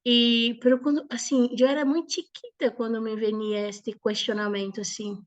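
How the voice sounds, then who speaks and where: A Brazilian woman in her forties, a native Portuguese speaker, gives an informal religious testimony in a halting mix of Portuguese and Spanish. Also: on the high side, steady tone, highs cut off. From southern Brazil. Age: 40s. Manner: hesitant, halting, with frequent pauses. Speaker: speaker giving a personal testimony.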